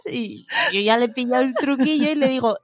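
A woman's voice: high voice, fairly quick, no echo. A woman in her thirties chatting casually about her toddler, acting out the child's sweet voice at times. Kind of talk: casual parenting chat.

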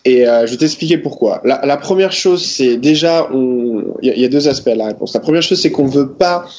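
A man giving casual interview answers in halting, out-of-practice French, dropping in English terms. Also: mid-range voice, darkish tone, lo-fi sound, a little hiss or hum. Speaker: interview guest, game developer.

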